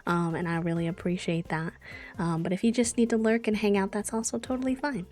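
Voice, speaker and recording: A woman's voice: medium pitch, little pitch movement, fairly quick, darkish tone. A woman livestreamer chatting casually while she plays a game. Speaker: streamer hosting a charity gaming livestream. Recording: music behind the voice. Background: music.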